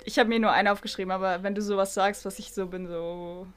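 A woman's voice: mid-range voice, steady tone, fast talker, clear, resonant tone. Podcast quiz host: young woman, mid-range voice, informal and conversational. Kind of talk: casual chat.

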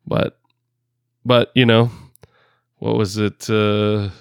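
Gravelly low-voiced man hosting a podcast. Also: flat delivery, slow pace, no room sound, clean studio sound. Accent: put-on New York. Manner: rambling, laughs often, many fillers. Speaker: podcast host. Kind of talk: casual podcast chat. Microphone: headphones and home podcast rig.

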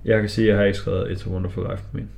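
This is a man with a Danish accent and a slightly low voice. He co-hosts a podcast and talks about films in an informal, conversational way. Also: level tone, vocal fry, a little mellow. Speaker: podcast co-host. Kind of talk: casual film chat.

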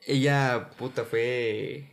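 A man's voice: medium pitch, fairly even intonation, extremely slow. Joking young man from Veracruz. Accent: Mexican Spanish, Veracruz. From Veracruz, Mexico. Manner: joking, slangy storytelling. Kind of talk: casual chat between friends.

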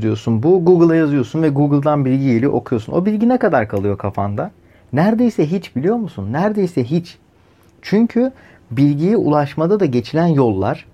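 A man's voice: a little high, warm tone. A man hosting a podcast in a casual, opinionated monologue, asking rhetorical questions as he talks. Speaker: podcast host.

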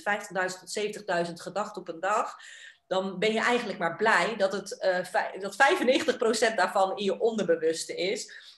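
A woman hosts a podcast interview and asks her questions hesitantly, with plenty of fillers. Her voice sits in a middle pitch, and the room gives it a clear echo. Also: fairly bright tone. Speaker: podcast host. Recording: roomy echo.

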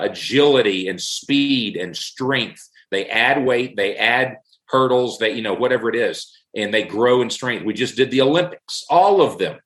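A man's voice: mid-range voice, fairly bright tone. Middle-aged man telling an earnest story in a roomy space. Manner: earnest storytelling with repeated emphatic phrases. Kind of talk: casual faith discussion. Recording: roomy echo.

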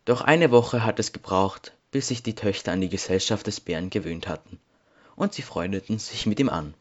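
A man reads a fairy tale in a calm, measured way. His voice sits low. The recording sounds dull and lo-fi. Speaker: narrator. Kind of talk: scripted fairy tale narration.

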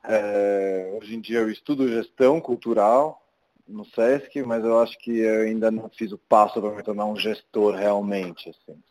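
A man, a podcast guest speaking Portuguese in a relaxed, reflective phone chat full of fillers. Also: on the low side, moderate pace, poor audio. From Italy. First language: Italian. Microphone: phone call.

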